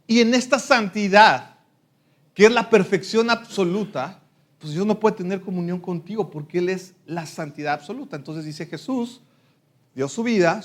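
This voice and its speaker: High-voiced pastor teaching a Bible class. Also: male voice. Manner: conversational teaching with rhetorical questions and acted-out prayers.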